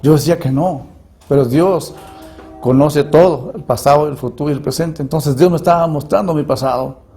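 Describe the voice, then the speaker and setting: A man giving an earnest spoken testimony as an evangelist, often clearing his throat and restarting words. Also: a little high, normal speed, dark tone, faint music behind.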